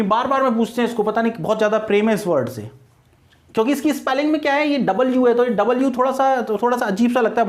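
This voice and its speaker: A man teaching English vocabulary for exam prep, spelling words out letter by letter and repeating key words. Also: high voice. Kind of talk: online exam-prep lecture.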